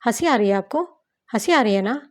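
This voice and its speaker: A woman's voice: a little high, expressive, lightly acted. A woman voicing a small, hot-tempered young wife who scolds emotionally in an audiobook reading. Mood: angry.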